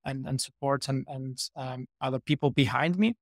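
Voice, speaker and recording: A man's voice: mid-range voice, normal speed, gravelly, no echo, studio quality. A man in his thirties from Portugal, a startup co-founder, chatting as a podcast guest with many fillers and restarts. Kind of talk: casual interview talk.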